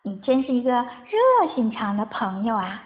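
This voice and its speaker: A woman's voice: fairly high pitch, very animated, normal speed. A woman voicing a loving storybook mother, soothing and tender, on a tinny phone-like recording.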